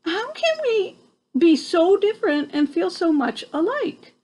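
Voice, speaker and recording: A woman's voice: very high-pitched, big pitch swings, measured pace, a little mellow, pitched above the performer's own voice, heavily acted. A woman voicing small, bewildered young birds in a storybook, exclamatory and wide-eyed. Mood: wondering.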